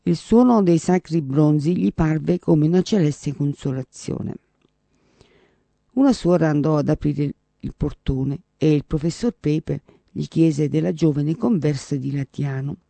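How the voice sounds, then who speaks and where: Guy reading a saint's story, steady and solemn, slightly high voice, dry close sound. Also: unhurried, vocal fry, no echo. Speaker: narrator. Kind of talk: scripted narration of a devotional story.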